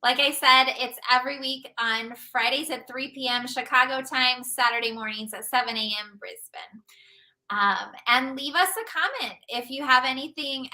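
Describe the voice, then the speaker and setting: Bright, chatty woman podcast host. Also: sits high. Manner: chatty, upbeat, lots of fillers. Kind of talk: casual podcast chat.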